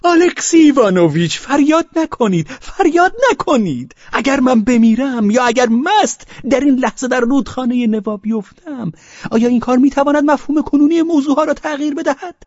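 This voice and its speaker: A man's voice: big pitch swings, husky, no room sound, lo-fi sound, exaggerated voice. A man voicing a drunk, fawning, frightened middle-aged man who whines and pleads. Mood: pleading. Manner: shrill, whining, pleading.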